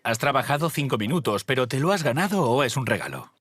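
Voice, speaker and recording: A male pastor with a Spain Spanish accent delivers a sermon at a middle pitch. His voice swings widely and expressively as he tells a story. He slips into different voices to act out its dialogue. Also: fast talker, husky. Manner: animated storyteller, acts out dialogue in changing voices.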